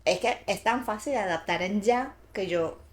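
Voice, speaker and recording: A woman's voice: medium pitch, moderate pace. A woman co-hosting a podcast, telling personal anecdotes in casual conversation. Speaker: podcast co-host. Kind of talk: casual chat.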